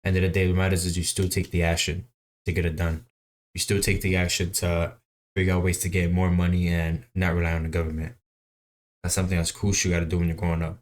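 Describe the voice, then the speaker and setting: A man's voice: low voice, monotone, fast talker. A man hosting a reaction video in casual commentary, laid-back, slangy and repetitive.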